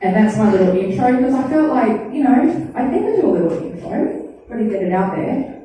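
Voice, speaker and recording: On a small comedy club stage, a female stand-up comedian delivers a rambling, crude, self-deprecating set, often laughing at her own jokes. Her fairly high voice is dark-toned, very animated and brisk. Filmed from the audience via a handheld stage mic, the recording is distant and echoey, with faint ambience and slight hiss or hum.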